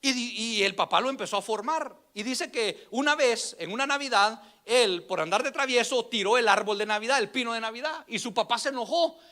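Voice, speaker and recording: A man preaching a storytelling sermon in church, acting out quoted voices with shouts and laughs. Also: very high-pitched, lively intonation, a little fast, few pauses.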